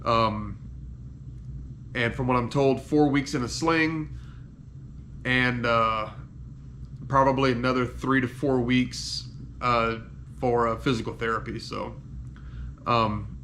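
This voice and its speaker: A man recording a casual video diary while in pain and on painkillers after surgery, congested with a head cold, speaking haltingly and trailing off. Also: mid-range voice, steady tone, a bit bright, a little hiss or hum. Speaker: patient giving a recovery update.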